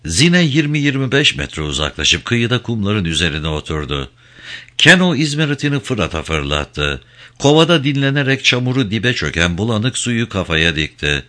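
A man narrating a literary story with expressive, scripted delivery. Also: lowish voice.

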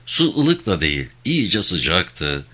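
A man narrating a war novel as an audiobook in a measured, steady way. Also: sits low.

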